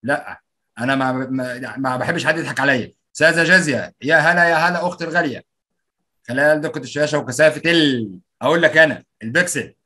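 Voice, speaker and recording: A brisk, bright-voiced Egyptian man leads a live online training session. He speaks in a slightly high register, full of playful energy as he greets participants and reads out their answers. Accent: Egyptian Arabic.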